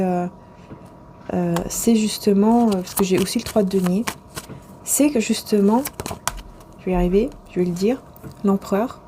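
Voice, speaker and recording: A woman's voice: mid-range voice, dark tone, slight background noise. A woman reading tarot cards to the viewer in a casual, rambling way, with many hesitations and restarts. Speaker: tarot and oracle card reader.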